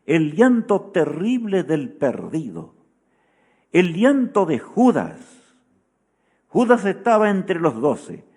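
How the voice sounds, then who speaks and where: A man preaching a sermon in a solemn teaching tone, often asking his listeners "¿verdad?" as he goes. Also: sits high.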